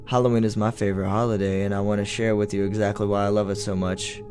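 A man voicing a calm male teacher who speaks quietly in a monotone within a horror story. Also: on the low side, fast, soft background music, close to an everyday voice. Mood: hushed.

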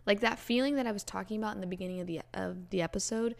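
A woman in her twenties hosts a casual solo podcast, talking very fast in a mid-range voice with vocal fry. She's earnest and rambling, leaning heavily on "like" and "you know".

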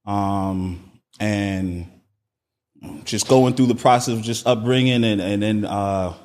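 A young adult man from Miami, a podcast guest telling his backstory in relaxed conversation, often tagging his sentences with "right?". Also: lowish voice, takes it slowly. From Miami, Florida. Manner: laid-back, peppers speech with "right?". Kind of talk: casual conversation.

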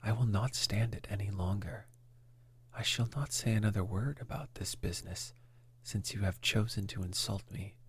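A man voicing a proud young son accused of theft, speaking in a breathy whisper as whispered role-play, indignant and stubborn. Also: fairly low pitch, moderate pace, slight background noise, lightly acted. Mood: defiant.

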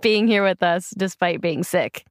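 A woman hosting a casual chat podcast, upbeat and quick to giggle. Her voice is smooth and clear, recorded dry and close. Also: lowish voice, dry recording. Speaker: podcast host.

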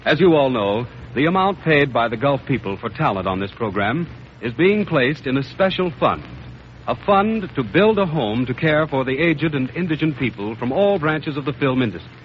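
A man's voice: mid-range voice, sing-song, normal speed, a little hiss or hum. A man with an American accent reading a formal script as a 1930s radio announcer. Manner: old-time radio announcer delivery, formal. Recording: old muffled radio broadcast, music behind.

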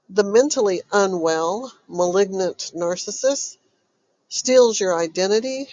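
A woman speaks as a recovery coach, addressing her listeners in a motivational style. Her delivery is unhurried and deliberate, with pauses. She sounds stuffed up, and the sound is dry with no room echo. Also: fairly low pitch, a little mellow. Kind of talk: motivational self-help talk to listeners.

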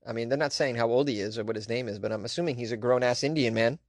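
Racing along in a medium-pitched voice, a man hosts a comedy show with clean, dry studio sound. He reads odd news stories aloud and mocks them with incredulous asides and laughter.

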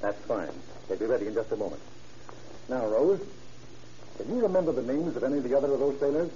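A man's voice: mid-range voice, lively intonation, quick pace, mellow, natural voice. An actor playing a businesslike American police chief in an old radio crime drama, authoritative and methodical in his questioning. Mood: firm, official. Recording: muffled, noisy old radio recording.

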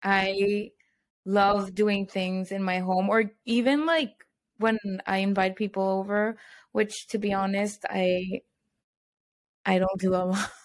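A woman's voice: mid-range voice, fairly even intonation, takes it slowly. Casual young Spanish-speaking woman co-host. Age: 20s. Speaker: podcast co-host. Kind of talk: casual chat.

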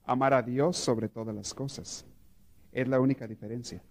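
Teaching a prayer course to a live group, a priest speaks at a moderate pace in a mid-range voice. His manner is animated as he tells stories and asks the audience questions.

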